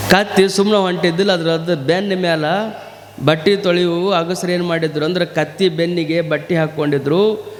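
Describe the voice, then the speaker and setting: High-voiced North Karnataka preacher in a hall. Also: male voice, a little hiss or hum. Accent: North Karnataka Kannada. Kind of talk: spiritual sermon with storytelling.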